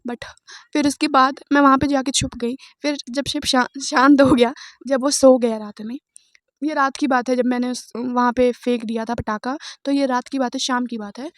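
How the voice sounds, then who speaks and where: Chatty young woman with a high voice. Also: fairly even intonation, moderate pace, dry recording. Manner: chatty, laughs often, Hindi with English words. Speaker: vlogger. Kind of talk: casual storytime chat.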